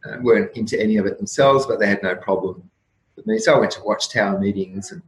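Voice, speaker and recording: A man's voice: on the low side, fast talker, roomy sound, rough recording. A man in his fifties who grew up in Singapore, Ireland and Australia, talking as an interview guest in a reflective, rambling way with frequent fillers. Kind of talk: casual conversational interview.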